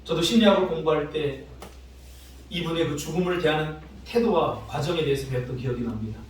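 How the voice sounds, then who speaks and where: A male pastor preaching a sermon, telling stories with emotional swings between soft and loud. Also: brisk, slight background noise. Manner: emotional storytelling with dramatic swings in pitch and loudness. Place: church sanctuary. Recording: echoey church hall, distant mic.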